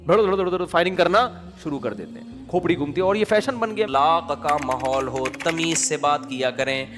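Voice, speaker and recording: A man's voice: a little high, long reverb tail. A man with a Pakistani Urdu accent giving a conversational sermon, telling everyday anecdotes in a colloquial way and acting out the voices of the people in his stories. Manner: colloquial, acts out quoted voices, lively storytelling. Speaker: Islamic preacher.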